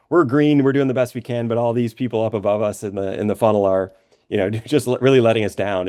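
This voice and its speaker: The guest here, a man who runs revenue operations, fields business interview questions in a chatty manner full of filler phrases. He has a lowish, slightly mellow voice, and the studio-quality recording carries no room sound.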